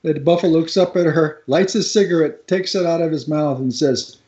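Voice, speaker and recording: A high-voiced man spins a lively anecdote, acting out the voices and laughing along as he goes. The sound is a bit dull, like radio audio. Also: fairly quick. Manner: animated, laughs at his own story, acts out voices. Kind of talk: casual anecdote telling.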